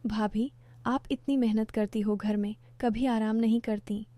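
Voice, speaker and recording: A smooth-talking greedy young man, coaxing and wheedling in a storybook tale, as a woman narrator reads his lines. The voice sits fairly high and mellow. It is recorded dry and close. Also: fairly even intonation, a little slow, no echo, lightly acted. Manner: persuasive, wheedling.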